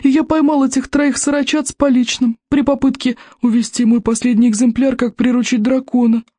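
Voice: high-pitched, little pitch movement, brisk, mellow, no echo, studio quality, voice pushed up. A reader voicing a crazed, scrawny old male librarian who screeches and hisses his words in a storybook reading. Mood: shrill, accusing. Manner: screeching, hissing, creaky. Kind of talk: audiobook character voice.

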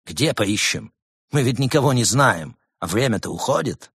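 A man's voice: medium pitch, expressive, normal speed, fairly bright tone, husky, no echo, clean studio sound, heavily acted. A man voicing a fussy, indignant male mole archaeologist.

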